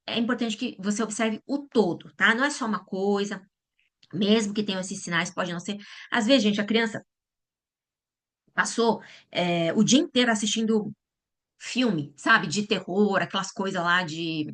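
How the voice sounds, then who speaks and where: A woman giving a lecture to parents, animated and often checking in with her listeners. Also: mid-range voice, normal speed. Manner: acts out quoted voices. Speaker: lecturer at a church parents' talk.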